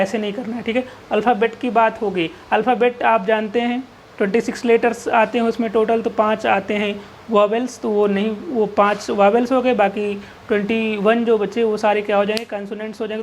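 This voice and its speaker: A woman's voice: medium pitch, a little hiss or hum. A woman teaching an exam-prep English grammar lesson, asking rhetorical questions and answering them herself. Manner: repeats key terms, drills with "ठीक है". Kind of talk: exam-prep classroom lecture.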